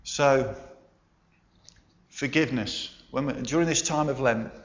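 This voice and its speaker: Man, sermon, storytelling, echoey room, slightly muffled. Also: medium pitch. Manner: storytelling, emphatic pauses, soft endings. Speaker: preacher. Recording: roomy, slightly dull sound.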